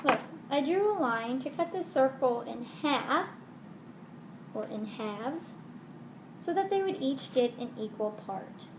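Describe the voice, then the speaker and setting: A woman with a high voice leads a children's lesson like a kids show host. She speaks slowly in simple, sing-song phrases. The room is echoey, with faint noise behind her. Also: lively intonation. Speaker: elementary math teacher. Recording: roomy echo with faint noise.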